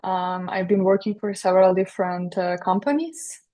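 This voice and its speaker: A woman's voice: medium pitch, normal speed, dark tone. A woman in her thirties from Serbia with a Serbian accent, talking as a podcast guest about her work, with many fillers and restarts. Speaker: guest, interior designer. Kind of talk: podcast interview.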